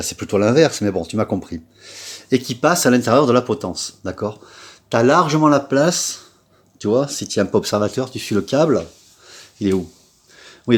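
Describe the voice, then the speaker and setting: Speaking at a medium pitch with a somewhat mellow sound, this French scooter repair vlogger walks viewers through a casual tutorial. His delivery is talkative, slangy and blunt, aimed straight at the camera and loaded with filler words.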